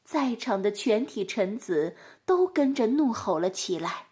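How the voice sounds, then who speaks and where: A woman narrating a storybook with an expressive, animated delivery. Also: mid-range voice, unhurried.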